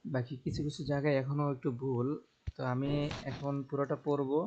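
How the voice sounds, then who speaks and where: A male Quran teacher giving an online tajweed lesson, alternating slow, drawn-out melodic recitation with quick plain explanations. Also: medium pitch, level tone, darkish tone, lo-fi sound, slight background noise.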